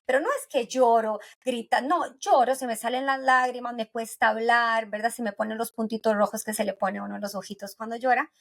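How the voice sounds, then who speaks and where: A woman with a Costa Rican accent speaks as a guest on a podcast. Her voice sits a little high, and she explains things with everyday anecdotes, closing many sentences with a questioning tag. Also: steady tone, brisk, few pauses, fairly bright tone. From Costa Rica. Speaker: pediatric neuropsychologist guest.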